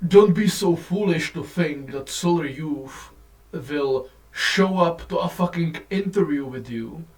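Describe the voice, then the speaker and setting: Man ranting on a low-quality phone recording. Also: unhurried, recorded from a distance. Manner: profane, rambling, animated. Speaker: vlogger. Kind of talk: casual rant to camera.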